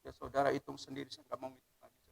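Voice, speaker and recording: A male pastor giving an emotional sermon with personal testimony, swinging between loud emphasis and hushed, slow speech. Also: medium pitch, completely flat delivery, vocal fry, husky, poor audio.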